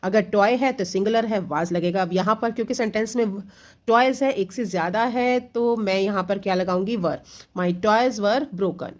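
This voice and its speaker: A woman's voice: mid-range voice, normal speed. A woman teacher giving an exam-prep grammar lesson to children, explaining patiently step by step in Hindi mixed with English, often asking a question and then answering it herself.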